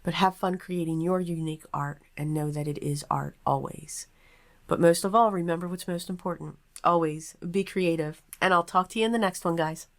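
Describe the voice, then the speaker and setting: The room is echoey and sounds sparsely furnished. In it, a woman with a somewhat low-pitched voice hosts a craft tutorial. She talks casually and without hurry, explaining each step out loud. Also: moderate pace. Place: small table in a nearly empty craft room.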